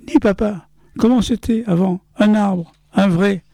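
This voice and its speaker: A man doing a small storybook boy with a raised, childlike voice that pleads and pesters, asking question after question. The sound is dry and close, with a gravelly edge creeping through. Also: sits high, unhurried, mellow, no echo, pitched above the performer's own voice, full character voice. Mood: pleading.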